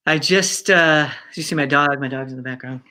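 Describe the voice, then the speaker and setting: A guest in his fifties chats casually in an interview, his fairly high, bright voice forceful at a moderate pace. He laughs often and fills his talk with fillers and restarts.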